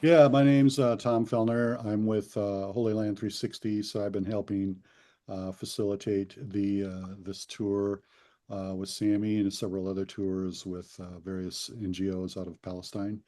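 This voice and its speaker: A man who runs a tour company introducing himself on a video call in a relaxed, rambling way with many fillers. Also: on the low side, normal speed. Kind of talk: casual self-introduction.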